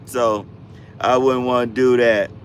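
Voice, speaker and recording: Here the fifty-something truck driver speaks in a mid-range, level voice, unhurried, with slight noise in the background. On his casual livestream he works through viewer comments, easygoing and slangy, tossing out bro and fam.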